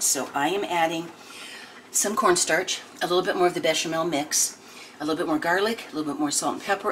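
Low-voiced woman chatting while cooking. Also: fairly bright tone. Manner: chatty, homey, thinks aloud with many ums. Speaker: home cooking channel host. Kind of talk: casual cooking demonstration. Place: home kitchen, indoors. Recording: noisy home kitchen recording. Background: clinking dishes and pans.

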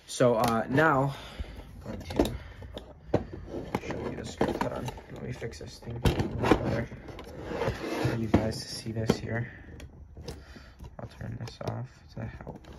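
A man's voice: medium pitch, fairly even intonation, takes it slowly, gravelly, long pauses, very noisy. A man talking casually to the camera about his script and reading it aloud, hesitant, with many fillers and restarts. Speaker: amateur scriptwriter.

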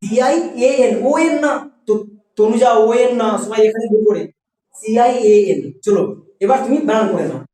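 A teacher giving a spelling and pronunciation lesson, patient and repeating words slowly for students. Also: mid-range voice, dark tone, very echoey, far from the mic, rough recording.

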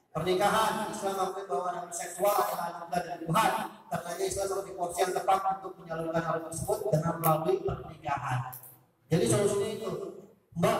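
Male school preacher, high-pitched and chatty, recorded from a distance in a reverberant hall. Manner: chatty, asks the audience rhetorical questions. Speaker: Islamic speaker at a school talk. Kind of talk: informal religious talk to students. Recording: echoey hall, voice picked up from a distance.

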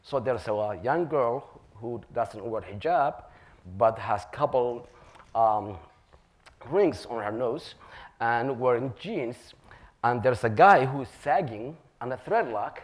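A middle-aged community worker and radio host, originally a Somali speaker, talks slowly and expressively in a mid-range voice. Seated as a panelist on an auditorium stage with a lapel mic, he shares personal anecdotes earnestly, repeating words as he builds up what he wants to say.

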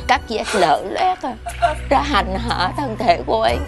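An actress playing a humble, devoted old nanny in a cartoon fairy tale. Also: female voice, a little high, expressive, a little slow. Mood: meek. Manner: meek, deferential. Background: music.

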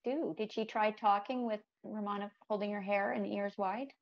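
A woman's voice: medium pitch, fairly even intonation, normal speed. A woman hosting a podcast, chatting enthusiastically and asking her guest questions. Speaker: podcast host. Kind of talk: casual interview chat. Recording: slightly dull lo-fi sound.

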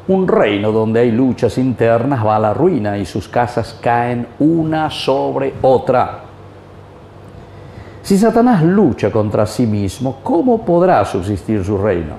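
A mellow Paraguayan priest with a medium-pitched male voice gives a Gospel reading and homily in a small wood-panelled indoor chapel. He is recorded on a lapel mic, and the audio carries a roomy echo with faint background noise.

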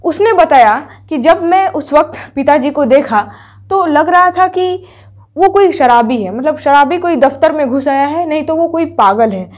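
A woman's voice: high-pitched, animated, moderate pace. A woman teacher explaining a story chapter to students in an online class. She repeats each point and asks herself rhetorical questions as she goes. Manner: addresses students directly, telling them to take screenshots.

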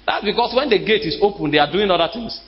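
A man preaching a sermon, swinging from slow, drawn-out words to sudden loud high bursts. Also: expressive. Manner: emphatic, rises to shouts and drops to slow drawn-out words. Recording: muffled live recording in a reverberant hall.

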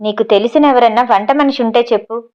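A woman's voice: a little high, fairly quick, a little mellow, natural voice. A bossy older mistress of the house, as a woman narrator puts her on, bargaining in a storybook reading. The recording is dull and lo-fi.

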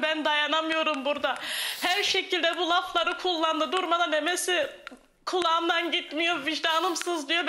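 A high, sharp-toned woman recounts events in a halting, flat-pitched way. She repeats "I said" between the quoted lines as she tells her account. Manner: halting, quoting others at length. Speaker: guest giving a statement on live TV. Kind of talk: emotional testimony.

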